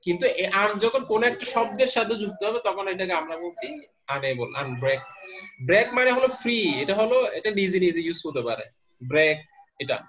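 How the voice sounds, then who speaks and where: A man's voice: high-pitched, big pitch swings, fairly quick, a bit bright. A male teacher lecturing a class step by step and quizzing his students as he goes. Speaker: university teacher. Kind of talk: lecturing class, mixing English terms. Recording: muffled lo-fi class recording.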